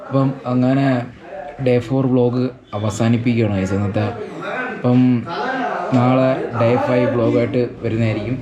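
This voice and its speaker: A man's voice: mid-range voice, fairly even intonation, normal speed, pauses often, highs cut off. Malayali man vlogging, mixing Malayalam and English. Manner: mixes Malayalam with English words and phrases. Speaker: travel vlogger. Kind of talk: casual vlog chat to viewers. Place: outdoors around a hill town and forest. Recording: outdoor street sound with background chatter.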